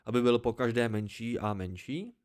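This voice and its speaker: A man voicing a wise, dryly scornful old hermit in an amateur audiobook reading, slow and emphatic. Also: mid-range voice, darkish tone, lightly acted. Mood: lecturing.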